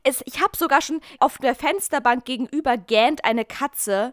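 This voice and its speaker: A young woman co-hosting a casual podcast, with a voice a touch higher than most. She talks playfully and exaggerates for fun, breaking into laughs. Her voice is close and dry, with no room sound. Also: normal speed, dry recording. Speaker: podcast co-host. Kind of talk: casual chat.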